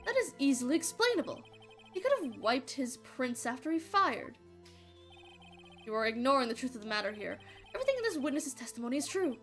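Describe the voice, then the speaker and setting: A woman's voice: high-pitched, big pitch swings, brisk, a bit bright, faint music behind. A woman voicing an arrogant older male prosecutor who speaks in a clipped, scornful way.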